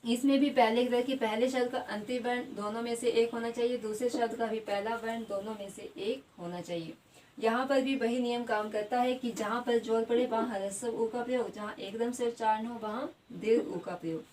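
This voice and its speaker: A woman's voice: on the high side, steady tone, a little mellow. Woman teacher explaining step by step. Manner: asks the class questions and answers them herself, repeats words slowly; adds a tag question after most points. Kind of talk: classroom grammar lesson. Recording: slightly distant mic with faint background noise.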